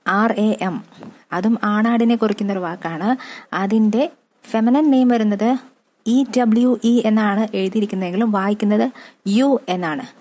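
A woman with a Malayali accent teaching an English vocabulary lesson, slowly spelling out words letter by letter and repeating them. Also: mid-range voice, a little mellow. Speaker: exam-prep English tutor. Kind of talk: classroom-style lesson.

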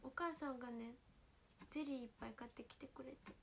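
A teenage woman with a Kansai accent chatting casually with fans on a livestream, speaking softly and often whispering because of a sore, swollen throat. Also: sits high, fast talker, slight background noise. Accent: Kansai Japanese. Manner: soft-spoken, often drops to a whisper. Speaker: idol livestream host. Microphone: phone.

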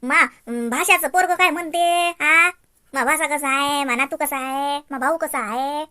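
Woman voicing an old village aunt, Varhadi accent, folksy cartoon chatter, high, dry. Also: pushed and bright, no room sound. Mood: chatty teasing. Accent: Varhadi Marathi. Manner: folksy, drawn-out, laughing chatter.

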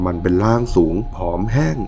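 A man calmly narrating a ghost story in a measured storytelling manner. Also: faint music behind. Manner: calm, measured storytelling with quoted dialogue.

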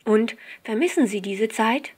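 A woman's voice: on the high side, unhurried, darkish tone, slightly rough. A woman reading the lines of a shy but eager young woman who loves crime stories.

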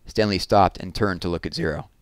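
Low, smooth-voiced male book reader. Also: fairly quick, dry recording. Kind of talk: book read-aloud narration.

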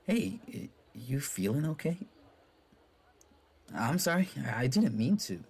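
A man doing a squeaky, jittery young critter. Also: sing-song, slow pace, darkish tone, slightly rough, full character voice. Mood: worried. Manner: nervous and stammering.

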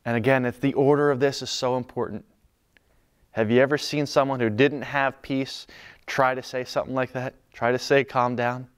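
A man's voice: mid-range voice, moderate pace, smooth. Conversational man preaching a sermon. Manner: earnest, conversational preaching with soft calm lines. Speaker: pastor.

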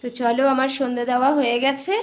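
A woman's voice: sits high, level tone, fast. A middle-aged woman vlogging from her home, talking in a homely, chatty way to her viewers while holding her phone in one hand. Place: home, indoors. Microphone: phone held in one hand.

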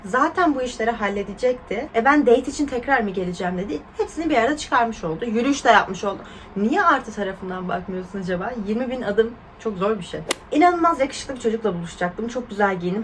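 A woman in her twenties from Turkey chats quickly and casually, reading out viewer stories. She reacts with lively exclamations and speaks straight to her audience. A faint hum of room noise sits behind her voice. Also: fairly high pitch. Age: 20s. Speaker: vlogger.

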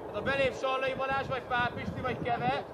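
Man, youth football coach, high strained voice, outdoor pitch, noisy background. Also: fairly even intonation. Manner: calls players by name, explains tactics. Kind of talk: sideline coaching instructions.

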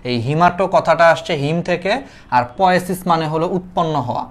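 A man's voice: a little high, a little fast. Young Bangladeshi man teaching a class. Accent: Bangladeshi Bengali. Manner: explains terms, repeats them, asks students questions; colloquial dialect forms mixed with English terms. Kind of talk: online class lecture.

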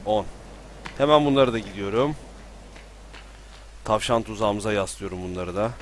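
A young man giving casual live commentary while playing a game at home, talking to himself and sometimes bursting into panicked yelling. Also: fairly low pitch, moderate pace, slight background noise. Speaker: streamer. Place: room at home with balcony door open.

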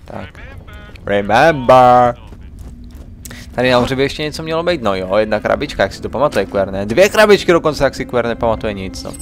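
A young man casually commenting on a video game as he plays, muttering to himself and chatting to viewers. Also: medium pitch. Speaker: let's play gamer.

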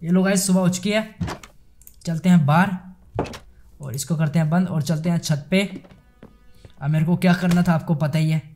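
A young man giving chatty, excitable commentary while playing a game, talking straight to his viewers. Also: fairly high pitch, moderate pace, long pauses, faint music behind. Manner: chatty, excitable, addresses viewers as guys and bhai sahab. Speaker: gaming YouTuber. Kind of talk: casual Minecraft let's play commentary.

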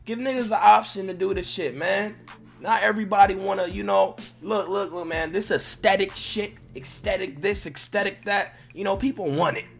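Speaking at normal speed in a high voice with vocal fry, a young American gaming creator tears into clips with casual, cuss-filled commentary. He sounds slangy and ventful, and music runs in the background.

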